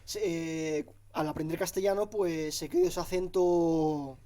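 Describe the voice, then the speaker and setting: Male podcast host, high-pitched, casual interviewer. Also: unhurried, a loud crowd. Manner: casual, questioning, slangy.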